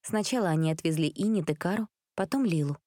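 Low-voiced woman reading a story. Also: animated, fast, warm tone, dry recording, clean studio sound. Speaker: reader. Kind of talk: storybook narration.

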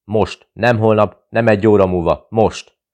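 A man's voice: deep voice, close to an everyday voice. A man voicing a cold, commanding Serbian warlord in an audiobook, giving icy, curt orders. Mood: urgent.

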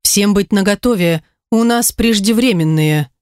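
A woman voicing a stern, brisk middle-aged female doctor in an audiobook, giving quick commands. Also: mid-range voice, darkish tone, clean tone, dry recording, clean studio sound, natural voice.

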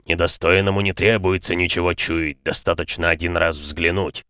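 Haughty clawed creature, read by a man: pompous, low, dry. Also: level tone, normal speed, sharp tone, dry recording.

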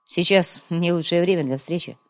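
A woman voicing a gruff male mercenary who grumbles in a low, quiet voice for an audiobook. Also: moderate pace, natural voice.

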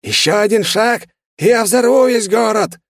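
A man's voice: moderate pace, vocal fry, no echo, studio quality. A man voicing a cowardly male demon who screams his threats in panic. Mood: hysterical. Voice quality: shrill, screaming.

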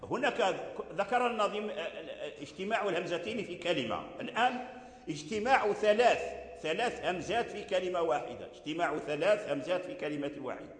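A man's voice: high-pitched, lively intonation, a little fast. A man, teaching Quran recitation and explaining verse by verse while repeating example words. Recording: echoey hall.

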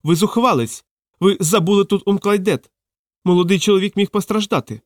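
A man's voice: high-pitched, brisk, no room sound, clean studio sound, voice pushed up, natural voice. A man reading an audiobook, voicing a fat, fussy official who squeals and shrieks with indignation. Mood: outraged. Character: fat, fussy older male official, outraged. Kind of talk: audiobook character voice.

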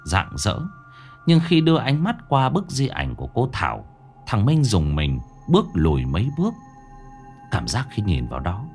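A man narrating a ghost story in a dramatic, suspenseful way. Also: low voice.

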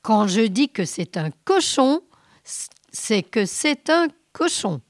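A woman voicing a gruff, quick-tempered male ship captain who talks insistently. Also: fairly high pitch, animated, no room sound, clean studio sound, voice pushed up. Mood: indignant. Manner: insistent, exasperated.

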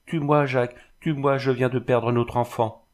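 Grief-stricken young peasant mother, read by a male narrator, low-voiced, anguished. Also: animated, normal speed, a little mellow, natural voice. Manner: pleading, anguished storytelling.

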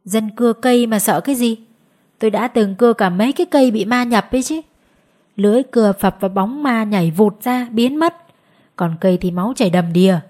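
A woman voicing a loud, boastful middle-aged village man in a spoken ghost story. Her voice is husky and emphatic. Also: medium pitch, close to an everyday voice. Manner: raised, emphatic.

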